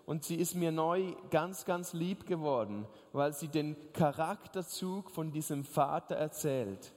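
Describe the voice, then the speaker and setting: A male preacher with a high voice delivers a lively sermon, turning to his listeners with asides and jokes. His voice rings out with a long echo, as in a large hall or church. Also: measured pace. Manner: animated storytelling, addresses listeners directly with jokes.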